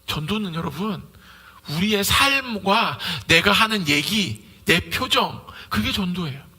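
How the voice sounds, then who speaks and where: A male pastor preaching a Sunday sermon in a lively way, acting out everyday conversations as he goes. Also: high voice, a little slow.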